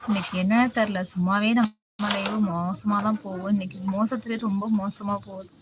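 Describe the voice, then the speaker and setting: Woman on a live stream answering comments, normal pitch, noisy background. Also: little pitch movement, normal speed. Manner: chatty, reads out and answers viewer comments by name. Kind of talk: casual live-stream chat.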